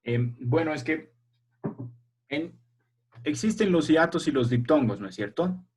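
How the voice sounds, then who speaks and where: A man's voice: a little high, lively intonation, unhurried, darkish tone, husky. A man teaching a primary school language class over a video call, explaining patiently step by step and checking that the children follow.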